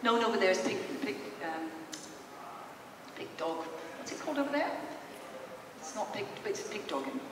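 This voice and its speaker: This woman in her fifties, a psychologist, has a mid-range voice with lively intonation, a normal pace and long pauses. She tells stories casually to a big theatre hall from before the stage, questioning listeners, and her PA-fed handheld mic is recorded from afar by a camera, echoey and noisy.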